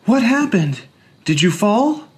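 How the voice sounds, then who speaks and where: A brisk, curt woman in charge of a household, in a storybook reading, pitched well above the narrator. A man puts her on. She scolds sharply and gives orders. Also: big pitch swings, full character voice. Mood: scolding.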